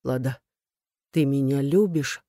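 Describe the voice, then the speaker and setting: A reader voicing a frightened, shaken young man who speaks quietly. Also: medium pitch, takes it slowly, no room sound, studio quality.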